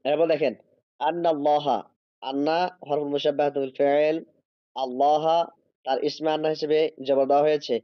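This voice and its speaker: A man with a fairly high voice teaches an online Arabic grammar class. He explains patiently, reading each Arabic word slowly and checking that students understand. The recording is dry and somewhat dull, like lo-fi class audio. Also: level tone, no room sound. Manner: drawn-out reading of Arabic words.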